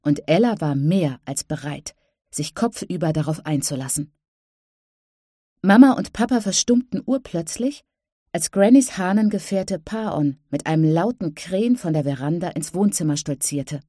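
A woman reading a children's story aloud as narrator in an even storytelling manner. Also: fairly low pitch, normal speed, no echo, studio quality. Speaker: audiobook narrator. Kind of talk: scripted narration.

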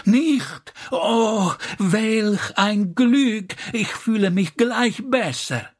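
A man's voice: sits high, animated, drawn-out words, slightly rough, pitched above the performer's own voice, exaggerated voice. A man reading aloud and voicing a theatrical, indignant foreign woman who shrieks.

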